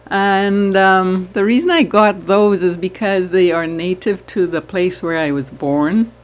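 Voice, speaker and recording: A woman from Trinidad talks to her viewers at a slow, easy pace. Her voice sits a little low, and she chats warmly about her aquarium with the odd soft laugh. The delivery is relaxed and conversational. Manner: slow, chatty, laughs softly. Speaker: aquarium hobby vlogger. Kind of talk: casual chat to camera.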